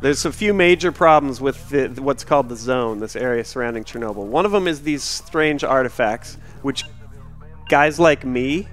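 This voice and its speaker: A man's voice: mid-range voice, lively intonation, normal speed, soft background music. A man hosting a let's-play, casually rambling as he explains the game to a friend.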